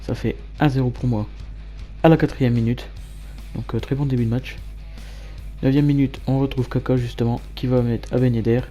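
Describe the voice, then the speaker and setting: A man giving matter-of-fact play-by-play commentary as a gamer over his own match highlights. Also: steady tone, moderate pace, dark tone, highs cut off, soft background music. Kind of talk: gameplay commentary.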